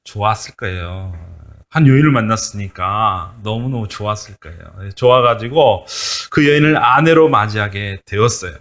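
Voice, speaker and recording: A man's voice: on the low side, normal speed, fairly bright tone. Male pastor giving a children's sermon, telling a story and putting questions to the kids.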